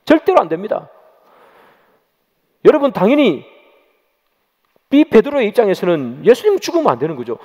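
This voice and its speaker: A man's voice: high-pitched, wildly swooping pitch, normal speed, long pauses, a little mellow. A man preaching a sermon as pastor, dramatic and questioning the congregation, acting out quoted voices. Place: church sanctuary. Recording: long church reverb.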